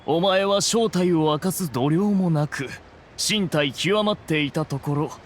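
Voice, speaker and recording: A man's voice: a little high, a little slow, slight background noise, natural voice. A man voicing an imperious, composed ancient immortal in human guise for an anime game, with old-fashioned grandiose wording. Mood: composed, wry. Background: faint music.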